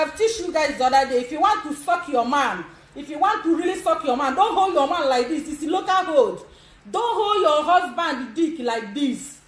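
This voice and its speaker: A woman's voice: sits high, reverberant, rough recording. A Nigerian woman giving frank casual advice, laughing often and demonstrating as she talks. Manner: bold, laughing, demonstrative, mixes pidgin. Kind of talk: casual instructional chat.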